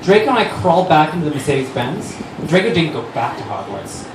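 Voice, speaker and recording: On stage at a live fundraiser, a man who is a writer-director and actor gives a theatrical, overdramatic comic reading of fan fiction. His fairly high voice swings widely in pitch and moves fast. The recording is distant, echoey and noisy.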